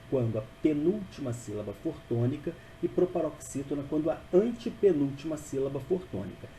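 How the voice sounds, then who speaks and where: Dark-voiced male teacher. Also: medium pitch, slight background noise, poor audio. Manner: patient and repetitive, checking in with "ok?" and "né?". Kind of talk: recorded grammar lesson. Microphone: voice-over for a narrated video.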